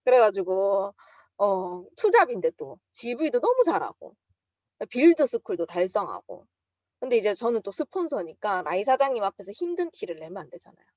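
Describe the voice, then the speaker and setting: Woman, Busan accent, seminar talk, animated storyteller, dry slightly dull recording. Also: mid-range voice, moderate pace, no echo. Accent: Busan Gyeongsang. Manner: lively storytelling, acts out quotes with bursts of emotion. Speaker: business speaker giving a seminar talk.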